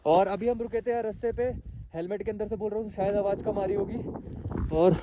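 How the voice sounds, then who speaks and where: A man's voice: sits high, steady tone, a little fast, noisy background. A man vlogging from a motorcycle trip, chatting casually to his viewers while talking muffled from inside his helmet on a mountain road. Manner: chatty, addresses viewers as brother and guys. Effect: muffled, speaking from inside a helmet. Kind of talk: casual vlog chat.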